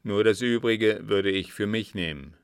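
A man's voice: lowish voice, normal speed, smooth, dry recording, studio quality, natural voice. A man voicing a cunning disguised agent who feigns innocence with emphatic protests, in an audiobook reading. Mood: persuasive.

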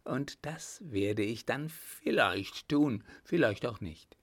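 A man's voice: medium pitch, animated, slow pace. A man doing a sneering, cruel baron. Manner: sneering, laughing. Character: scheming baron, mocking, cruel, self-assured.

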